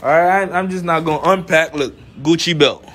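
A young man from Haiti with a fairly high-pitched voice talks straight into a phone held at arm's length in a small room at home. His talk is loose and emphatic, full of repeated phrases and checks like "right?" as he motivates his viewers. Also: a little fast, fairly bright tone. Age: young adult. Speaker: forex trading vlogger. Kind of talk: casual motivational talk to camera.

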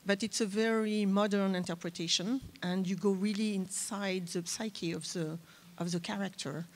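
A woman moderating a festival panel on a theater stage, speaking gently into a handheld mic with hesitant fillers. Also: mid-range voice, fairly even intonation, moderate pace, slight background noise.

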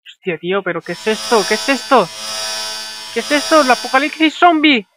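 A man commentating a video game as he plays, reading the dialogue aloud and swearing and talking to himself in an excitable, chatty way. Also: very high voice, fairly quick, noisy background. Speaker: gameplay commentator.

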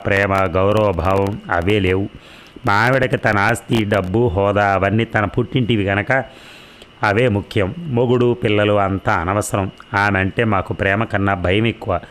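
A man voicing a middle-aged husband who moves from bitter complaint to shouted commands at his wife, in a low voice. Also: natural voice. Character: aggrieved middle-aged husband turning defiant.

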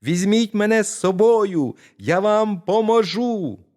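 Tom Thumb, a man doing a shrill tiny boy. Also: expressive, slow pace. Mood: shrill, cheeky. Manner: shouting high and thin. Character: tiny brave boy, cheeky and loud.

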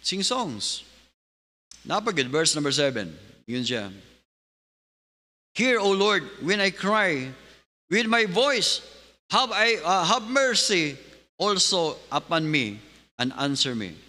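Animated pastor preaching in a hall. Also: male voice, high voice, slow, pauses often. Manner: animated preaching, switching between Bisaya and English. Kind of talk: sermon. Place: church hall. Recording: long hall reverb.

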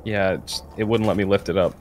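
A man's voice: deep voice, fairly even intonation, fast talker, a little mellow, a little hiss or hum. A man playing a horror game, swearing and grumbling casually while he plays. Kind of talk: casual gameplay chat.

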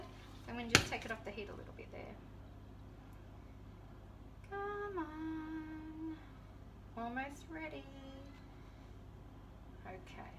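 A woman's voice: sits high, recorded from a distance, background noise. A woman in her thirties chatting casually to viewers as she cooks in her home kitchen. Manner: chatty, easygoing, talks to viewers while cooking. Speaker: home cooking vlogger. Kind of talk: casual cooking demonstration.

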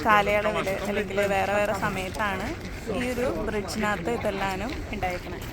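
A woman's voice: medium pitch, steady tone, normal speed, over a noisy crowd. A woman with a Malayali accent giving casual, explanatory travel vlog narration, mixing English words into her Malayalam. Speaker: travel vlogger. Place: outdoors in a city at night. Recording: loud music, vehicle noise behind.

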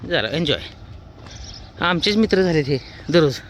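A man's voice: on the high side, very animated, moderate pace. A man chatting casually to the camera as he walks his dog outdoors, calling out to the dogs around him. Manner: chatty, calls out to dogs to shoo them. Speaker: vlogger. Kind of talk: casual vlog commentary on a walk. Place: outdoors on a road. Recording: faint outdoor noise.

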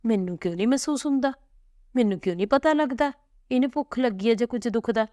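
A woman's voice: on the high side, lively intonation, moderate pace, mellow, clean tone, dry recording, clean studio sound, pitched above the performer's own voice, lightly acted. A woman voicing an anxious young mother who asks pleading questions in a raised voice.

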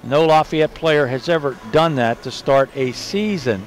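A man's voice: on the high side, slight background noise. Man reading off postgame basketball numbers. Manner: brisk stat-reading delivery. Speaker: play-by-play broadcaster. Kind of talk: postgame sports broadcast. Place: basketball arena broadcast booth.

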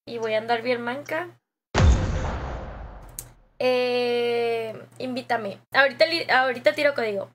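A woman's voice: fairly high pitch, measured pace, long pauses, noisy background. A young woman with a Mexican accent, chatting casually with viewers on a gaming stream, slangy and laughing often. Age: young adult. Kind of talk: casual live-stream chat reading viewer comments.

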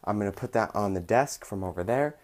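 A man's voice: fairly low pitch, animated, brisk, a little mellow. A young man chatting upbeat in a casual vlog from a small bedroom, with lots of ums. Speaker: vlogger.

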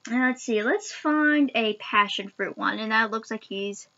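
Bright, high-voiced young woman eating sour candy. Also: unhurried, muffled recording. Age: young adult. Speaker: vlogger doing a candy taste challenge. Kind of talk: casual chat to camera. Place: small home room, indoors. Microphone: webcam at arm's length.

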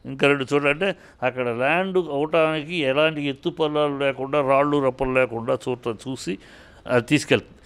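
A man's voice: mid-range voice, fairly quick, fairly bright tone, clear, resonant tone. A man giving heated spoken commentary in an interview, scolding and indignant, firing off rhetorical questions and often restarting his sentences.

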